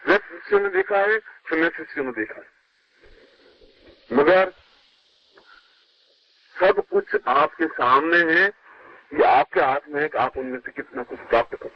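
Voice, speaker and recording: A man giving a sermon as a spiritual guru to his disciples, emphatic and swooping between high and low, heard from an old worn tape recording. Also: vocal fry. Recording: muffled hissy old tape.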